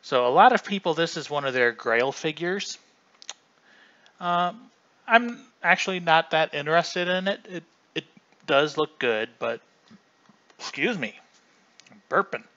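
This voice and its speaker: Man streamer, bright forceful voice, loose casual commentary, dull lo-fi home recording. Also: a little high, lively intonation, unhurried. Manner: chatty, rambling, often restarts mid-sentence. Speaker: livestream host.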